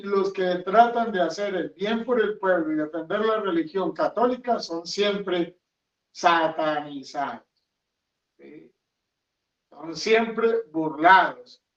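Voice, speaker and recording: A man's voice: high-pitched, slow pace, pauses often, fairly bright tone. A man, a friar, preaching a homily with an emphatic, repetitive cadence and rhetorical questions, recorded in a chapel. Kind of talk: sermon. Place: chapel of a hermitage. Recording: echoey, dull sound from a distant mic.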